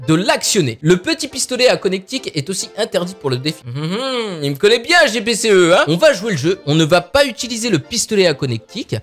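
A man commentates his gameplay with a high voice that leaps up and down. He jokes around, belting out exclamations one moment and muttering the next, with faint game music underneath. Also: fast talker, few pauses. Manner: animated, jokey, swings from loud exclamations to mumbled asides. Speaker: gaming YouTuber.

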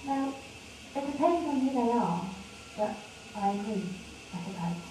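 A woman's voice: on the high side, expressive, unhurried, far from the mic. A woman voicing a shy young virtual human who answers interview questions hesitantly in a research setting. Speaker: interviewee in a study. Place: research VR room. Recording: echoey room, heard from afar, noisy.

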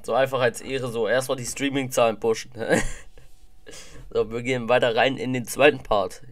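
A man's voice: mid-range voice, fairly even intonation, normal speed, a little hiss or hum. A man giving casual, enthusiastic, rambling reaction commentary on music into a desk microphone. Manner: enthusiastic, slangy, rambling with fillers.

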